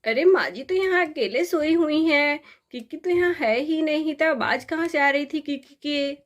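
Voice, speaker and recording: Worried young mom, voiced by a woman, anxious, pleading, high voice. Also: moderate pace, natural voice. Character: worried young mother searching for her daughter. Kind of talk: doll story voice acting.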